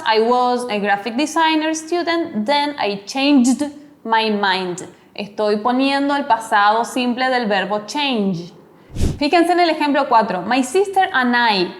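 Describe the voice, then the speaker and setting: A woman giving a recorded English class, explaining step by step and slowing down to model each English word. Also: fairly high pitch. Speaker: English teacher.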